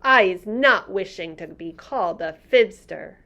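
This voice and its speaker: A woman's voice: mid-range voice, lively intonation, measured pace, sharp tone. A woman voicing a big friendly old male giant who talks earnestly in muddled grammar.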